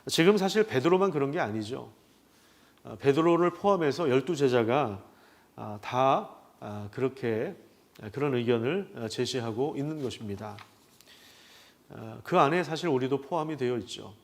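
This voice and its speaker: A man preaching a Sunday sermon as pastor, asking the congregation questions and pausing on filler sounds. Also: medium pitch, animated.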